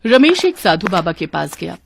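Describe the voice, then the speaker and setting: A woman's voice: lowish voice, moderate pace, creaky, a little hiss or hum. Woman narrating a dramatic kids' ghost story. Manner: expressive, dramatic. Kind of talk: scripted narration.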